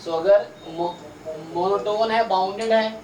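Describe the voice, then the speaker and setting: A man's voice: high-pitched, steady tone, unhurried, darkish tone. Roomy, distant male math teacher. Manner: explains in mixed Hindi and English, thinks aloud, repeats himself. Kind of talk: live online exam-prep class. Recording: roomy, distant mic with faint noise.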